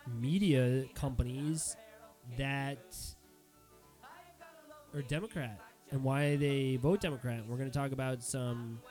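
New man hosting his own podcast, sardonic and rambling, unhurried, faint music bed. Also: a little high. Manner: rambling, sardonic, jokey asides. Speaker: podcast host. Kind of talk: casual solo podcast monologue. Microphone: headphones with a studio mic.

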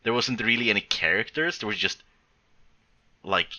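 A man's voice: lowish voice, animated, moderate pace, bright, forceful tone. A man co-hosting a podcast in a casual, hesitant way, often restarting and breaking up his sentences. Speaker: podcast co-host. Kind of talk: casual film discussion.

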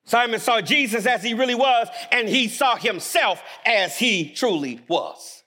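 A male preacher with a high, bright, lively voice delivers a chapel sermon. He swings from loud, emphatic declarations to hushed asides, and his pitch leaps about constantly. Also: measured pace. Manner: animated, emphatic preaching with sudden drops to quiet.

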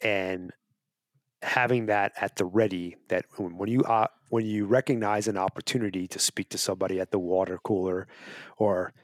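Man with a lowish voice, a podcast guest making his case earnestly, restarting his phrases, recorded dry. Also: fairly even intonation, moderate pace, dry recording. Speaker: wildlife advocacy guest. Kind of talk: casual interview talk.

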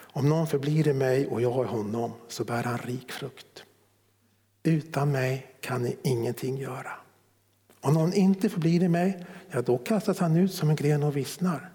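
A man preaching a sermon, reading scripture slowly, dropping to hushed whispers and then rising sharply for emphasis. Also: medium pitch, big-room sound. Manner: swings from hushed whispers to sudden emphatic rises.

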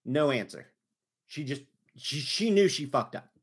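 A man hosting a podcast, telling a story with animated, exasperated retelling in casual chat. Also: medium pitch, measured pace, husky. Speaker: podcast host.

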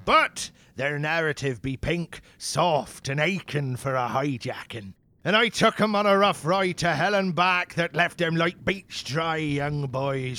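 A swaggering, foul-mouthed pirate captain, played by a man for a comedy skit. He blusters in thick pirate slang and flings insults in a high, bright, forceful voice. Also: full character voice. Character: boastful crude male pirate captain, brash and insulting.

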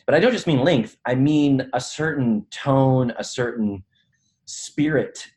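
A man's voice: mid-range voice, unhurried, a little mellow. A middle-aged man who teaches film, talking through ideas in a casual podcast chat, reflective and self-deprecating, often hedging his points.

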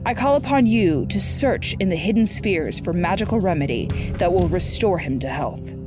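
A woman voicing a calm, persuasive male sorcerer in a measured, courteous storybook reading. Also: fairly low pitch, music in the background, lightly acted.

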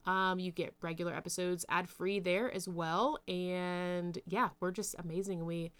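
A woman's voice: lowish voice, fairly even intonation, a little slow, a bit bright, clean tone. A woman co-hosting a casual podcast, rambling cheerfully through the show's sign-off plugs. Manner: chatty, upbeat, rambling outro plugs. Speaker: podcast co-host.

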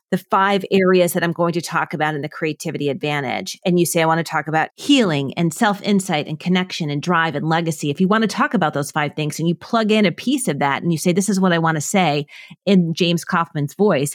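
A woman's voice: low-pitched, no echo, clean studio sound. A woman co-hosting an education podcast, explaining ideas in an encouraging way. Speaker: podcast co-host. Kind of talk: podcast conversation and outro.

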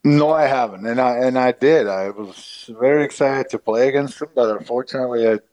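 A middle-aged man with a Czech accent, answering interview questions in a halting way with many fillers. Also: medium pitch, a little mellow, dry recording. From Czech Republic. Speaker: former hockey player, guest.

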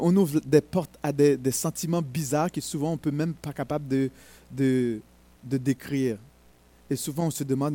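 Fervent high-voiced male preacher. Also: warm tone, dry recording. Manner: emphatic, rising to fervent exhortation. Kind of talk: sermon.

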